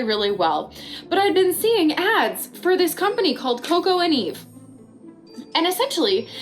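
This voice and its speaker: High-pitched, chatty woman vlogger. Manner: chatty, dramatic emphasis with drawn-out, repeated words. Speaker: YouTube host. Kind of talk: casual rant-style product review vlog.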